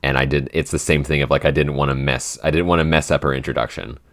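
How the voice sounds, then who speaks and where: Very deep yet fairly bright in tone, a young man's voice stays steady as he talks at a quick pace. He's the podcast's host and show writer, rambling casually with frequent fillers and restarts.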